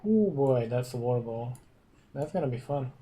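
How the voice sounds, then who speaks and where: A Romanian gaming commentator, speaking English as a non-native speaker, casually talks through a strategy game, thinking aloud with hums and pauses. His mid-range voice is expressive and warm.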